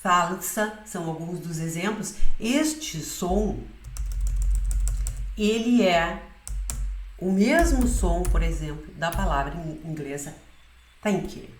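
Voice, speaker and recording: A woman's voice: on the low side, expressive, slow pace, long pauses, darkish tone, reverberant, a little hiss or hum. A woman teaching a Spanish pronunciation lesson in Portuguese, explaining patiently and often checking in with her students.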